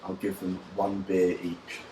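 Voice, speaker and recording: A man's voice: deep voice, completely flat delivery, slow pace, dark tone, roomy sound, a little hiss or hum, rough recording. A man bantering casually in a garage workshop, tossing in dry jokes. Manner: dry, joking interjections. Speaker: car restoration co-host.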